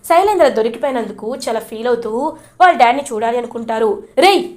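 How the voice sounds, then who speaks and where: A woman's voice: on the high side, quick pace. A woman chattily retelling a serial episode, quoting the characters as she goes. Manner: chatty, animated retelling with quoted lines. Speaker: serial episode recap narrator. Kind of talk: casual storytelling recap.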